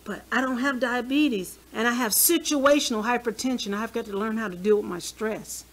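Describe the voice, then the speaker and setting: In a small church hall, a woman in her sixties speaks from a podium mic about health, her voice on the high side and her pace moderate. She chats with the listeners in a lively way and quizzes them as she goes.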